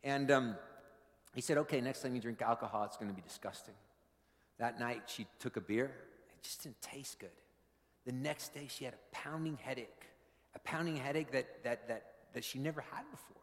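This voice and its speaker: A man who is a pastor, giving a sermon full of personal stories that builds to fervent, animated preaching in a church. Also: mid-range voice, normal speed. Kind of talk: sermon with storytelling. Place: church sanctuary. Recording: long reverb of a large hall.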